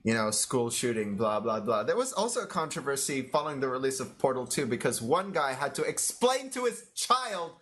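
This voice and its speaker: Lively joking man on a podcast. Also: mid-range voice, a little fast, hardly any pauses. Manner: joking, profane, laughing often. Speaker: podcast co-host. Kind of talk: casual joking debate.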